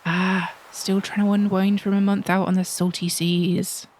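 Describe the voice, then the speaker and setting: A woman voicing a gruff old male fisherman with a put-on sea-dog accent and a hearty, growly sailor's drawl. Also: medium pitch, flat delivery, a little slow, darkish tone, natural voice.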